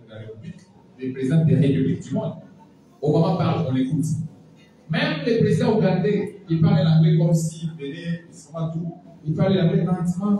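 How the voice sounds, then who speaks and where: A man with a slightly high, dark-toned voice gives an animated, rambling answer to the audience. He is heard from a distance through heavy echo in a hall. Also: a little hiss or hum. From Democratic Republic of the Congo. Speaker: English language speaker at a launch event. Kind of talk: informal public talk answering a question. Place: event hall. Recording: very echoey hall, voice from afar.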